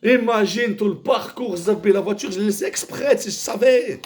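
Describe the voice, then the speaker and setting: A man rambling in a casual, vulgar monologue, jumping between mumbles and shouts. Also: high voice, moderate pace, slight background noise.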